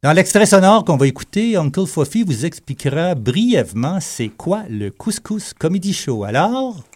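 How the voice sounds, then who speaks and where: A man with a Quebec French accent talks in a radio studio, joking and hesitant. His voice sits a little high for a man. He fills gaps with plenty of fillers. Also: very animated, moderate pace, darkish tone. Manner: jokey, chatty, hesitant with many fillers. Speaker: radio columnist. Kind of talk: casual radio chronicle.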